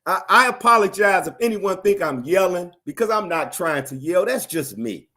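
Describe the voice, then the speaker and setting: Animated, emphatic high-voiced man. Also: moderate pace. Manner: animated, emphatic, repetitive phrasing. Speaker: commentator on a livestream. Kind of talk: animated commentary responding to viewers.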